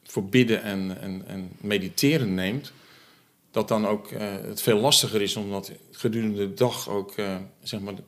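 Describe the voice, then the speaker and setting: A man with a fairly low voice talks through his thoughts slowly and reflectively. He hesitates often, filling gaps with small sounds as he searches for words in a relaxed faith conversation. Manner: reflective, hesitant with many fillers.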